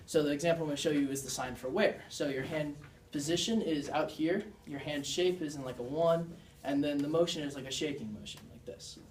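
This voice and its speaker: A man's voice: a little high, fairly quick, few pauses, a little mellow. A young man giving a class presentation as a student, explaining and demonstrating signs in an earnest way. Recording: echoey room, mic far off.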